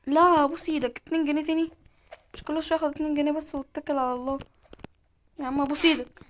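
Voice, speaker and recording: A woman with an Egyptian Arabic accent, giving excitable live gameplay commentary, exclaiming and pleading as she plays. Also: high-pitched, very fast. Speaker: gamer.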